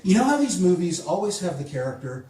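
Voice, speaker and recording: A man performing a comedic spoken-word piece at a poetry slam, mocking and exasperated, breaking into shouted impressions. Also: high voice, sing-song, quick pace, far from the mic, a little hiss or hum. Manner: exasperated, mocking, acts out quoted lines with shouts. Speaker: slam poet. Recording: echoey room recorded from afar.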